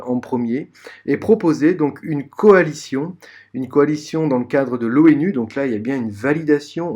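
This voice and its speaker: A man's voice: mid-range voice, a little mellow, highs cut off. Male teacher, recorded lesson, hesitant explanatory delivery, speaks to students directly, lots of fillers. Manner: hesitant, many fillers and restarts. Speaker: history teacher.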